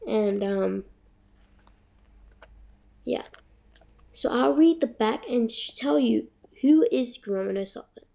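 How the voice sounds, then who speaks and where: A woman's voice: fairly high pitch, gravelly, warm tone. A young woman casually reading a children's chapter book aloud, chatty and stumbling over words. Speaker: reader.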